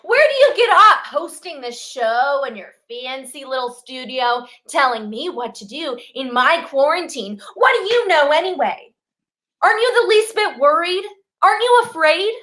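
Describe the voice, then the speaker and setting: A woman's voice: on the high side, expressive, a little slow, pushed and bright. A young woman playing an earnest, slightly frayed game show contestant in a comic stage-acting style. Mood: frayed, upset. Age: young adult.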